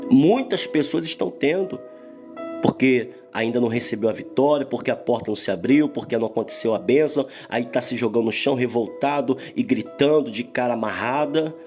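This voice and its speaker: A man preaching a morning sermon, emphatic and full of rhetorical questions to his listeners. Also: mid-range voice.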